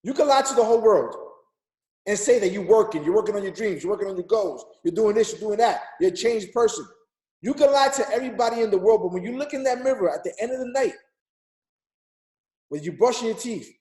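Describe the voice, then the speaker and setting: A man's voice: high voice, a little mellow, reverberant. A man in his thirties giving an emphatic, repetitive motivational talk on a group call, urging listeners like a preacher. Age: 30s. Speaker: motivational speaker.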